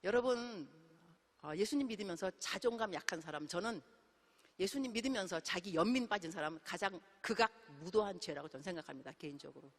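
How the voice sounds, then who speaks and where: A middle-aged woman missionary preaching a sermon in a church, telling stories in an animated way and acting out the dialogue. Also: on the low side, fairly quick. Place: church sanctuary. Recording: long hall reverb.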